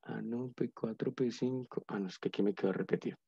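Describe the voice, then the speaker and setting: A man's voice: lowish voice, a little fast, creaky, warm tone, husky, no room sound. A man giving a casual live coding lesson as a university lecturer, thinking aloud and humming as he types. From Colombia. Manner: chatty, thinks aloud, hums nonsense while typing. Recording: dull lo-fi sound, dry.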